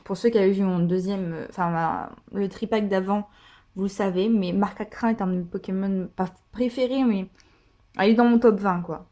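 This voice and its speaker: A woman's voice: medium pitch, moderate pace, dark tone. A woman chatting casually as she opens trading card packs, gushing over the cards she pulls, with many fillers. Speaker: card-opening vlogger. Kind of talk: casual pack-opening commentary.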